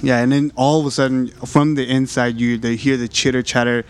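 A man's voice: mid-range voice, level tone, brisk, clear, resonant tone. A man narrating as game master in a casual, laughing way with lots of fillers.

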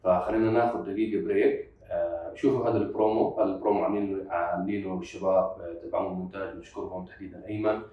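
A man's voice: low-pitched, fairly even intonation, racing, recorded from a distance, highs cut off. A man with a Levantine accent hosting a casual podcast chat, recorded with heavy echo. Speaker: show host. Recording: very echoey, away from the microphone.

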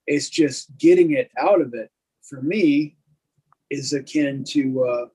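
A man's voice: mid-range voice, slow, warm tone, breathy edge, rough recording. A middle-aged man co-hosting a podcast, chatting casually in a rambling, self-deprecating way with lots of fillers. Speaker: podcast co-host. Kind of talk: casual chat.

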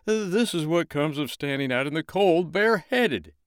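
A man voicing a cheerful, bossy snowman with a cold, in a raised voice with drawn-out words and loud sneezing fits. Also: a little high, lively intonation, clear, resonant tone, dry recording, studio quality, voice pushed up, lightly acted. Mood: complaining.

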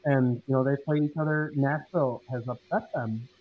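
A man's voice: mid-range voice, steady tone, moderate pace. A man hosting a casual sports chat who talks in a loose, thinking-aloud way, his voice coming through muffled and distant as if from behind a wall. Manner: chatty, thinks aloud with fillers. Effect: muffled, distant sound, as if through a wall. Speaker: podcast host.

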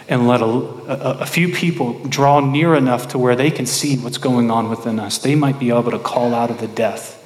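Male preacher in a big echoing hall. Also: mid-range voice. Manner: rhetorical questions put to the congregation, repeating phrases for emphasis. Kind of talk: sermon. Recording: echoey hall with long reverb.

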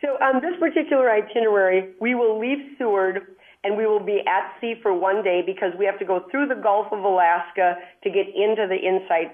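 A woman hosting a call-in travel show from a speakerphone, chatty and upbeat, explaining at length. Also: mid-range voice. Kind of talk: call-in radio advice. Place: hotel room far from studio, calling in. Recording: tinny speakerphone line.

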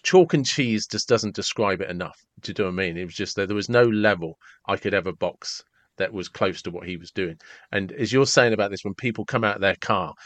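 Animated male podcast host, dry sound. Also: lowish voice, no room sound. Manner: amused, animated storytelling. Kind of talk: casual conversation.

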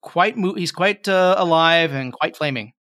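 A young man running a tabletop game as game master, narrating slowly and dramatically with playful asides. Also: a little high, pushed and bright.

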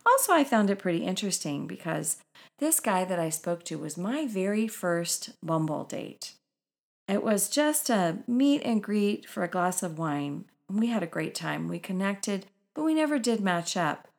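A woman's voice: mid-range voice, big pitch swings, unhurried, gravelly. A woman podcast host who speaks in a soothing, instructional way, as in guided breathing meditation.

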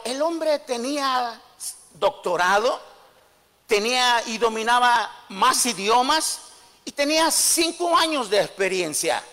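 Pastor preaching slow and bright, big echoey church hall. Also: male voice, very high voice. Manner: storytelling preacher, rousing calls. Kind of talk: sermon.

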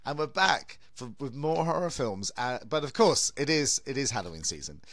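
Animated British man chatting on a podcast. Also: medium pitch, moderate pace, no echo. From United Kingdom. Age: 50s. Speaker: podcast host, drag queen horror host. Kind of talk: casual podcast chat.

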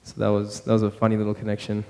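A man's voice: fairly low pitch, completely flat delivery, racing, dark tone. A man from Canada, the band's singer, chatting easily and joking in an interview. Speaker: band lead vocalist. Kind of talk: casual interview chat.

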